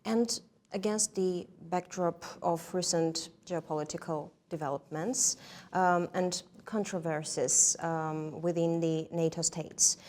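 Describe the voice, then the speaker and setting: A woman's voice: fairly low pitch, darkish tone. Woman asking formal interview questions. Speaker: interviewer, host.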